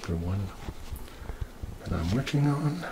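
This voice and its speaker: An older man, around his 60s, rambles softly in a halting ASMR murmur, often slipping into a breathy half-whisper as he shows his own sketches. His medium-pitched voice is expressive, picked up close on a tabletop Yeti mic in a small indoor room with a green backdrop. The close-up recording is noisy and has clicks.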